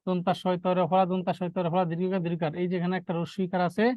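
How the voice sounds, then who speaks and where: A man's voice: high voice, completely flat delivery, racing, dry recording, muffled recording. A male teacher, giving a classroom grammar lesson, repeating key terms and quizzing his students.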